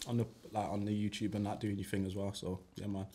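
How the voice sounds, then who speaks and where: A man, a DJ guest chatting casually on a podcast in a laid-back way that trails off quietly. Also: lowish voice, level tone, fast talker, slightly rough. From northern England. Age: 30s.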